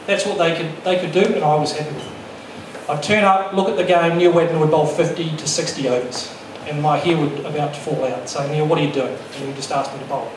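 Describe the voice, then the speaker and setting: A middle-aged man presenting to a workshop as a fast bowling coach, candid and self-deprecating, speaking into a handheld microphone in a lecture room. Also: on the high side, fairly even intonation. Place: large lecture room with projector. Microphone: handheld mic. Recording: echoey room, distant sound, faint noise.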